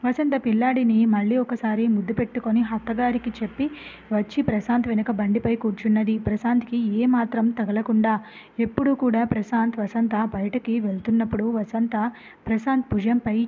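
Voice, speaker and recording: A woman narrating a dramatic story in a steady, emotive way, recorded with a tinny, phone-like sound. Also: a little high, fairly quick, slightly rough.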